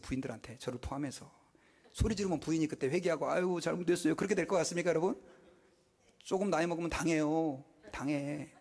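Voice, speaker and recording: A pastor in his fifties delivers a sermon in a fairly high voice. He preaches with emphasis, asks his listeners questions and acts out little quoted exchanges along the way. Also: husky.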